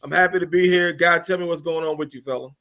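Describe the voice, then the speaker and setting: A man's voice: on the high side, steady tone, fast, pushed and bright. A man hosting a casual sports talk show from a cafe studio, loose and joking as he steers the chat. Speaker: podcast host.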